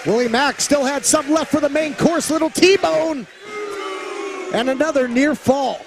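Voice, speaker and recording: A man calling a wrestling match play-by-play as an excited commentator, with loud, dramatic calls of the moves. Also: very high-pitched, normal speed, background noise. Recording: loud arena crowd and music behind. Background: cheering crowd and music.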